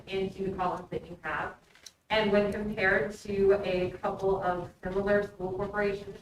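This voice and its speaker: A woman politely addresses a meeting in a supportive way, at a middle pitch. She is some distance from the mic in an echoey room with clear noise. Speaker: teacher speaking at public meeting. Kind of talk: public comment at a meeting. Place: indoor public meeting room.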